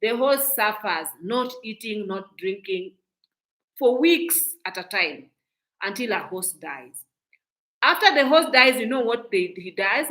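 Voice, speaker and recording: A woman's voice: medium pitch, animated, measured pace, sharp tone, rough recording. Outspoken Kenyan woman vlogger. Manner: outspoken, indignant, repetitive restarts. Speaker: commentary vlogger. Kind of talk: reaction commentary.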